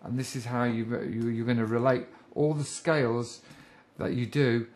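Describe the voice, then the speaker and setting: A man's voice: medium pitch, steady tone, moderate pace, a little mellow. A man giving a casual guitar theory lesson, chatty, encouraging and a little self-deprecating as he talks students through chord shapes. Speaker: guitar teacher. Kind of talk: casual spoken music lesson.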